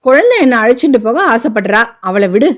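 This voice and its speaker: A woman's voice: a little high, lively intonation, fairly quick. A woman doing a bossy old grandmother. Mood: scolding. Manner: scolding, blunt. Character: sharp-tongued old grandmother, bossy and doting.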